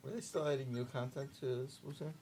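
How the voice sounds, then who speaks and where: A young man chats casually during a long marathon gaming stream, joking with the characters on screen as he plays. His voice is medium-pitched, steady, fairly quick and darkish, with slight background noise.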